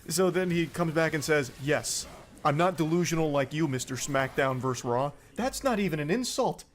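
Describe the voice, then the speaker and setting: A man reading online comment threads aloud and mocking them sarcastically, swearing freely. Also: high voice. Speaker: commentary host.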